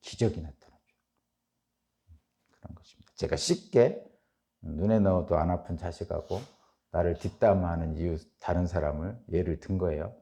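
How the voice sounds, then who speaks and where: A middle-aged man with a Chungcheong accent delivers a dawn sermon. His voice is low, mellow and gravelly. He preaches animatedly, lifting sharply into loud emphasis and dropping to near-whispers. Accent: Chungcheong Korean. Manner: animated preaching, voicing Job's laments, rising loud then dropping soft. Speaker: pastor. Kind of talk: early-morning sermon.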